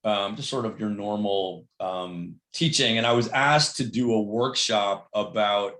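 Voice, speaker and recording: A man's voice: lowish voice, a little slow, a bit bright, reverberant. A man giving a casual, upbeat online presentation, talking with many fillers on a video call. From Cleveland, Ohio.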